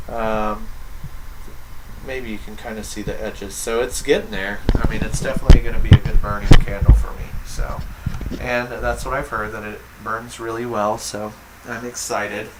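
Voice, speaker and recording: A man's voice: fairly low pitch, a bit bright, slight background noise, rough recording. A man chatting enthusiastically on a home video vlog, with lots of fillers like "um" and "so". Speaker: vlogger. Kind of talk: casual chat.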